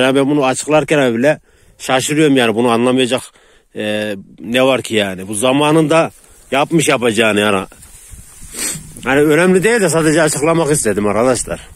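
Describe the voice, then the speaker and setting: A man's voice: mid-range voice, slight background noise. Chatty man coaxing dogs outdoors. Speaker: dog owner vlogger. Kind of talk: casual vlog narration while handling dogs. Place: outdoors in rural countryside.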